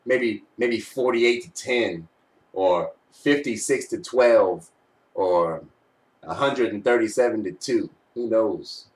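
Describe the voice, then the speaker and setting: A man's voice: lowish voice, slow pace. A young man giving casual, teasing postgame commentary in slangy speech, recorded on a webcam in a bedroom. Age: young adult. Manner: slangy, teasing trash talk. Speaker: sports fan vlogger. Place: small bedroom, indoors. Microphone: webcam at arm's length. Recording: home webcam, slightly distant mic.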